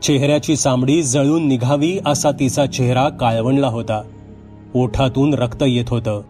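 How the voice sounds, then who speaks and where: A man's voice: medium pitch, normal speed. Male storyteller narrating a horror tale. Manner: dramatic, steady storytelling. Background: faint music.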